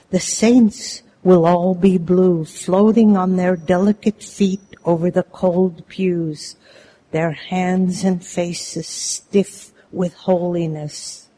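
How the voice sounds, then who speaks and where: A reader delivering a poem in a measured, solemn, deliberate way. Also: mid-range voice, warm tone. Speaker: poetry reader. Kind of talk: slow solemn poetry reading.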